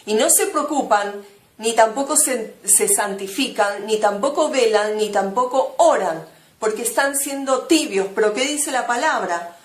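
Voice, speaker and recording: Earnest woman preaching. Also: on the high side. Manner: earnest, slows down to stress scripture. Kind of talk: sermon with scripture reading. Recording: echoey room.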